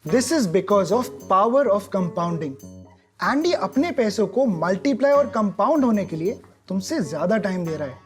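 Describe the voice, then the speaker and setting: A woman as a patient financial advisor in an animated explainer ad, walking through figures slowly and deliberately in mixed Hindi and English. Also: medium pitch. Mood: explaining. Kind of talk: explainer ad dialogue. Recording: light music behind.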